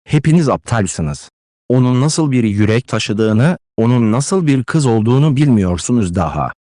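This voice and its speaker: A man's voice: medium pitch, lively intonation, normal speed, warm tone, no room sound, natural voice. Guy reading a proud distraught mother, emotional and scolding, dry audiobook sound. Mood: anguished. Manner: emotional, pleading and scolding declamation. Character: distraught consumptive widowed mother, fierce and proud.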